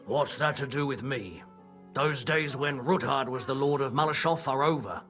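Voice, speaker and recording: A male actor playing a wary, gruff medieval stableman in a video game, grudgingly helpful, with blunt, folksy rustic phrasing. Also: medium pitch, moderate pace, a bit bright, faint music behind, lightly acted. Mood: curt, hostile.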